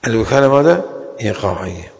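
Gravelly lecturer in a reverberant hall. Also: male voice, lowish voice, sing-song, lo-fi sound. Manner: slow, drawn-out stresses on key terms with sudden quick asides. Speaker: religious law teacher. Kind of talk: seminary jurisprudence lecture.

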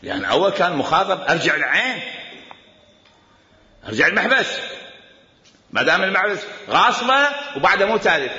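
Animated Iraqi man lecturing in a hall. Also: sits high, brisk, long pauses. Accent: Iraqi Arabic. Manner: argumentative, repeats quoted commands, asks rhetorical questions. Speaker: teacher of Islamic law. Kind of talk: jurisprudence lecture. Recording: echoey hall, dull lo-fi sound.

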